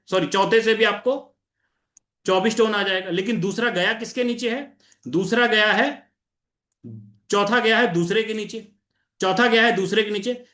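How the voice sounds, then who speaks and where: Man, presenter, screen-share walkthrough, repetitive question-and-answer delivery, high voice, roomy echo. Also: pushed and bright. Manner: repetitive, asks and answers his own questions, addresses listeners as sir. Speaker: crypto plan presenter. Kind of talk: screen-share presentation explaining an income plan.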